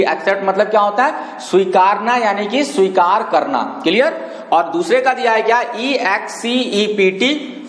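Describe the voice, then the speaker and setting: A man teaching a lesson, spelling words letter by letter, reading example sentences slowly and often asking whether his students have understood. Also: high voice. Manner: keeps checking understanding with "clear?" and "okay?". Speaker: English teacher. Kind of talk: classroom-style lesson explaining homophones. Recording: echoey room with long reverb.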